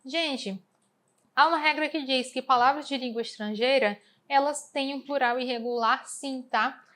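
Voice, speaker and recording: A woman's voice: sits high, moderate pace, fairly bright tone. A woman English teacher with a Brazilian Portuguese accent, explaining exam answers patiently and asking and answering her own questions.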